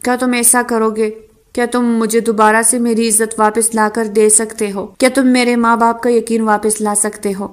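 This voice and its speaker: A woman's voice: on the high side, flat delivery, lightly acted. A woman reading the lines of a wronged young wife who turns on her deceiving husband, in an audiobook novel reading. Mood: questioning. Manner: accusing, bitter.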